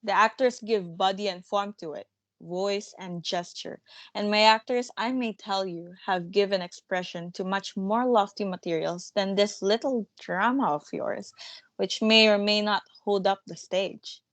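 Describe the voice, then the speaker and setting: A woman's voice: medium pitch, a little slow, a bit bright, no room sound. A bossy, self-assured theatre manager in a stage drama, played by a woman. The manner is scornful and commanding, brushing objections aside. It is recorded close and dry. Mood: dismissive, commanding. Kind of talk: dramatic stage-play reading.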